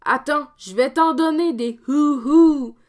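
A woman voicing a bold, hot-tempered farmer brother, loud and blustering in his threats. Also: a little high, normal speed, lightly acted. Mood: furious, shouting.

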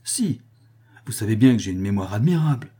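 Husky, mellow man reading a precise detective for an audiobook; lofty, lectures in logic. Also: fairly low pitch, sing-song, brisk. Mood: reasoning. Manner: lofty, didactic, reasoning aloud. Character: shrewd, precise male detective, coolly logical.

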